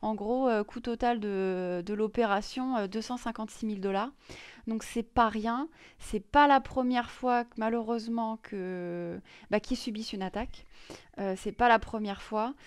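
A woman's voice: a little high, normal speed, clean tone, no room sound. A woman presenting crypto news in a casual screen-share explainer, chatty and full of hesitations. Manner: many fillers and restarts, chatty.

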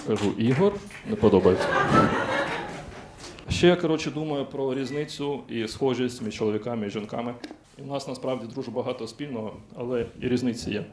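A man's voice: mid-range voice, fast talker, noisy background. A man performing a stand-up comedy set on stage, blunt and crude, acting out dialogue in his punchlines. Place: comedy stage in front of a live audience. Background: background music track.

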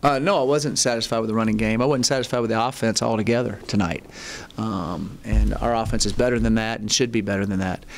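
Halting low-voiced coach with gravelly tone. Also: male voice, steady tone. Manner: halting, many ums and restarts, plain-spoken. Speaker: head football coach. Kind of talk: postgame press conference answers. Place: press conference room, seated at table. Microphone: table mic in front.

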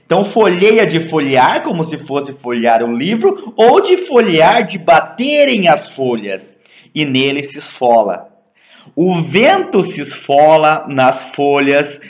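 Brazilian male teacher, lively and animated intonation, chatty classroom explanations peppered with "né?". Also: medium pitch. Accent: Brazilian Portuguese. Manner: tags sentences with "né?" and "tá?", conversational. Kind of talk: explaining poems in a lesson.

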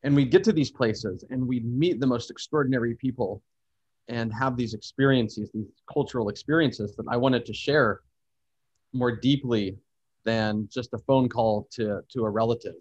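A man's voice: mid-range voice, normal speed, slightly rough, dry recording, muffled recording. Thoughtful man telling travel stories. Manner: thoughtful, expansive, speaks of cultural experiences warmly. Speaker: podcast guest, traveler and photographer. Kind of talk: reflective storytelling in conversation.

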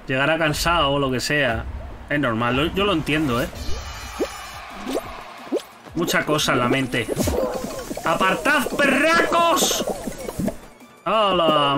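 A man giving casual, animated commentary while he plays a game and teases his friends. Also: fairly high pitch, normal speed, pauses often, over music. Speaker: gaming YouTuber.

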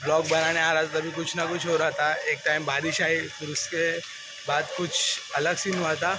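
A young man chatting casually to his phone camera as a vlogger, in a relaxed, chatty way. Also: a little high, moderate pace, noisy background. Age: young adult. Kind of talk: casual vlog talk. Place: night street market outdoors, then indoors at home. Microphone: phone camera at arm's length.

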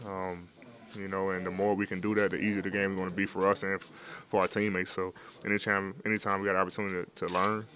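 Low steady voice, young guy after a game, relaxed answers into a bunch of reporter mics, lots of ums. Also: fast talker. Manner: laid-back, many fillers and restarts. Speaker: basketball player at postgame interview. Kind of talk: postgame press interview. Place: locker room. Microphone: several handheld reporter mics.

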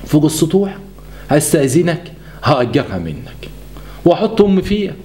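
A man's voice: a little high, very animated, normal speed, a little mellow, pitched below the performer's own voice. A man voicing a patient, weary Egyptian son caught between his wife and mother. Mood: weary, reasoning. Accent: Egyptian Arabic. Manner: reasoning, weary. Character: torn, patient adult son and husband.

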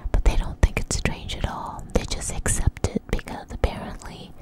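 In a soft, breathy ASMR whisper close to the mic, a woman tells a story in a conversational, hesitant way. The audio quality is poor.

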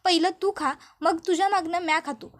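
A woman's voice: very high voice, steady tone, a little fast, voice pushed up. Woman voicing a pleading stubborn son. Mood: pleading, insistent. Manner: coaxing, pleading, repeats please. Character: stubborn young grown son pleading with his mother.

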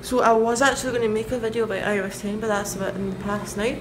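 Talking rapid-fire in a medium-pitched, level voice, a young woman vlogger rambles informally to her viewers and questions herself as she goes. The recording comes from echoing indoor rooms, with lots of echo and loud noise behind her.

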